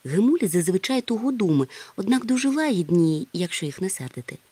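A woman narrating a children's audiobook in a steady storytelling manner. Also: medium pitch, a little fast, slightly rough, no room sound. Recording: faint music underneath.

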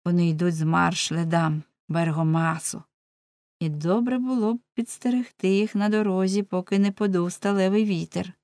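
A woman voicing a stout, plain-spoken male companion who answers tersely in a lowered voice. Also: moderate pace, darkish tone, no echo, natural voice. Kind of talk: audiobook character voicing.

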